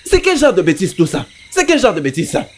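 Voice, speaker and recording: In a full character voice, a man plays a strict, short-tempered dance teacher berating his clumsy pupil, like a dubbed film. His high voice swings hugely up and down, and he speaks a little fast.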